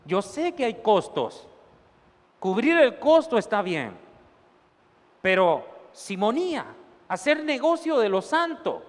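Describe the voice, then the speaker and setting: High-voiced unhurried male preacher. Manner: animated preaching, acts out scenes and laughs at his own jokes. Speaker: pastor. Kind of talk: sermon. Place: church. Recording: long church hall reverb.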